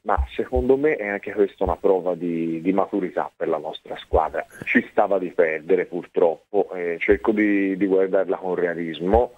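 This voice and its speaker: A man, a sports journalist guest, talking casually and reflectively on the radio with a slightly hoarse voice. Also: deep voice, moderate pace, hardly any pauses. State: slightly hoarse, voice partly lost. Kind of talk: casual radio interview talk. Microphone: phone call into radio. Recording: tinny phone line.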